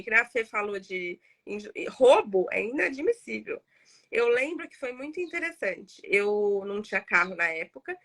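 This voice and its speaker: A therapist in her thirties with a Brazilian Portuguese accent hosts a live discussion circle in a mid-range, pushed, bright voice. She tells a personal story in a chatty, emotional way, often addressing her audience directly.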